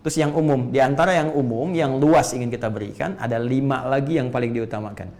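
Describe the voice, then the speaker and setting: A man giving a religious lecture as a preacher, animated and rhetorical, with quick jokes and questions to the audience and repeated phrases for emphasis. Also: mid-range voice. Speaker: Islamic preacher.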